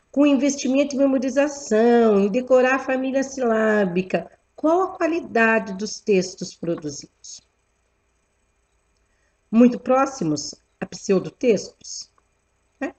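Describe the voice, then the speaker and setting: A woman, lecturing teachers in a deliberate way and checking in with rhetorical questions. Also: on the high side, lively intonation, a little mellow. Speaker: teacher educator. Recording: dull lo-fi recording.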